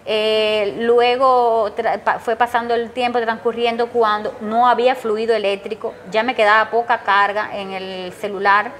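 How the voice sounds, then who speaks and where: A woman's voice: level tone, a little slow, hardly any pauses, a bit bright. A middle-aged Cuban woman gives an emotional personal testimony about her son, telling events in long runs and raising her voice when she repeats what he said. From Cuba. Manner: tells events in long runs, acts out her son's words in a raised pitch. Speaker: interviewee, mother of a jailed protester.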